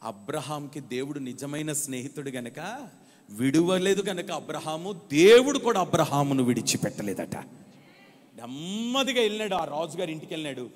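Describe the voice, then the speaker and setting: A male pastor preaching a sermon, calling on the congregation to answer aloud and swinging between loud declarations and hushed questions. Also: on the high side, expressive, normal speed, long reverb tail. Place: church service.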